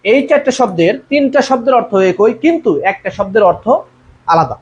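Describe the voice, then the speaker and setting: A male admission tutor runs a live online class, reading students' answers aloud from the comments, calling them "bhaiya," and asking the group to respond. His voice is very high, expressive and fairly quick, with a breathy edge. The recording sounds dull and lo-fi, with faint noise.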